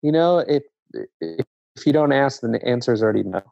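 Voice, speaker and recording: A man from Zambia, a guest in a casual conversation, speaking in a reflective, measured way and often restarting his sentences. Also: medium pitch, expressive, vocal fry, warm tone, no room sound, faint music behind. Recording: dull lo-fi dry sound.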